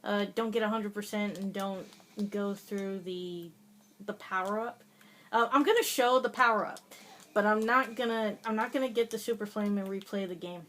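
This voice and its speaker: A woman's voice: medium pitch, moderate pace, a bit bright, slight background noise. A woman giving casual, chatty commentary over her gameplay, laughing often and hesitating with many fillers. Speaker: gaming video host.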